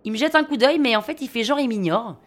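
A woman telling a funny story about herself at a brisk clip, her voice a little high. Her narration is scripted and wry, full of self-mocking asides. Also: expressive. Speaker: podcast storyteller.

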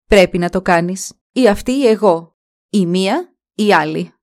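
A woman's voice: mid-range voice, a little mellow, close to an everyday voice. A woman voicing a cruel, jealous stepmother queen who gives insistent commands. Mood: demanding.

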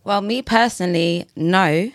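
A woman's voice: on the low side, measured pace. A woman in her late twenties with a London accent, chatting casually in street slang as a podcast guest.

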